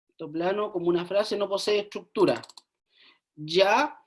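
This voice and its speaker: A woman teaches a university class online, going through quiz answers one by one. Her delivery is unhurried and explanatory. She keeps checking in with short tag questions and hums while she reads through replies. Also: medium pitch. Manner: checks in often with "¿ya?" and thinks aloud with hums. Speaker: university lecturer.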